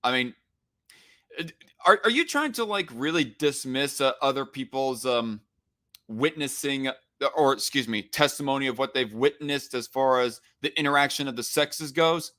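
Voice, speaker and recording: A man giving off-the-cuff reaction commentary in a blunt, argumentative way, often halting to search for words. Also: medium pitch, pushed and bright. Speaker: commentator responding to a played discussion.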